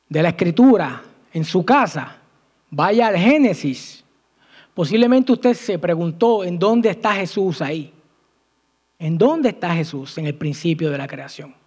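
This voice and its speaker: Man preaching a sermon, kinda high voice, takes his time, asks the church questions then answers them. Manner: slow, emphatic delivery with sudden rises and drops in pitch and loudness.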